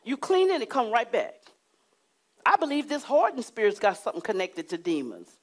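A middle-aged woman preaching a sermon, animated and emphatic, with dramatic pauses and sudden hushed asides. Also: fairly high pitch. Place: church studio with curtain backdrop.

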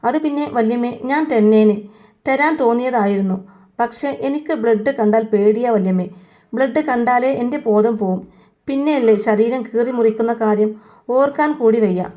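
A woman's voice: on the high side, moderate pace, mellow, natural voice. A woman voicing a sly, spoiled young woman who makes flustered, evasive excuses.

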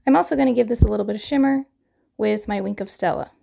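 A woman's voice: mid-range voice, fast, creaky, dark tone. A woman in her thirties with a crackly morning voice, chattily narrating a card-making tutorial voiceover and explaining each step.

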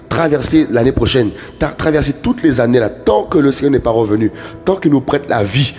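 Fervent preacher man, echoing hall. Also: mid-range voice. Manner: repetitive, fervent, chanting phrases. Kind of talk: prophetic worship exhortation. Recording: long hall reverb with soft music. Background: soft worship music.

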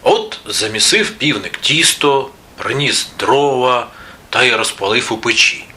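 A man narrating a children's fairy tale in an expressive, sing-song way. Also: medium pitch, a little slow. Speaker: storyteller.

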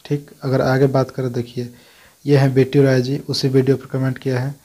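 A man hosts a casual talk answering viewer comments, his voice medium-pitched, level and mellow at normal speed. He keeps it conversational, frequently repeating "dekhiye" and "dosto."

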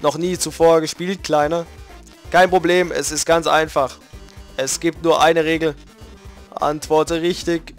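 A flamboyant male robot hosts a deadly quiz show in a video game, announcing every question with theatrical flair, voiced by a man. The voice sits fairly high for a man, with game music faintly underneath. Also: level tone, unhurried. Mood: showy, menacing. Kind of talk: reading game dialogue aloud.

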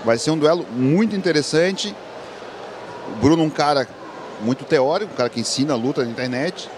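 Male colour commentator, colloquial and joking boxing analysis, slightly high pitch, clear background noise. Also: expressive, fairly quick.

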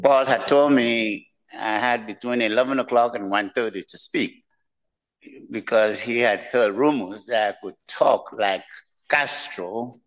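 An older man from Nigeria and Cameroon with a mixed West African accent, giving a slow, humorous keynote speech from a podium in a lecture room. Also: mid-range voice, a bit bright, rough recording. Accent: West African, mixed from many languages. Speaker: keynote speaker, professor. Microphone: podium mic.

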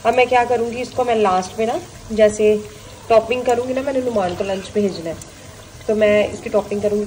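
A hoarse woman with a sore throat, chatting casually through a cooking vlog in her home kitchen, filming on a handheld phone. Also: medium pitch, noisy background. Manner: chatty, often adds a polite "okay ji". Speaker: vlogger.

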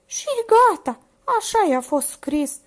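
A woman voicing a panicky, talkative, easily frightened woman who exclaims in a shrill, breathless way. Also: lively intonation. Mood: gossipy.

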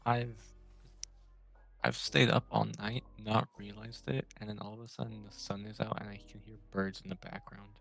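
A man's voice: lowish voice, level tone, moderate pace, gravelly, fairly bright tone, soft background music. A man chatting casually and joking on a stream, boastful in tone.

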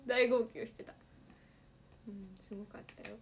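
A teenage idol girl chatting on her livestream in a slightly high voice. She talks casually and chattily, with little giggles breaking up her sentences. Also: measured pace, background noise. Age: teens. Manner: giggly, chatty, laughs often between sentences.

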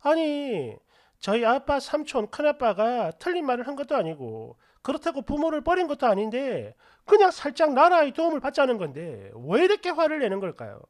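A woman's voice: high voice, huge pitch swings, moderate pace. A woman narrating a family story in a chatty, indignant way.

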